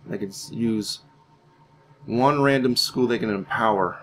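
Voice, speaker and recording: A gaming channel host gives casual gameplay commentary, rambling and thinking aloud as he plays. His mid-range voice has a measured pace, and there's faint background noise.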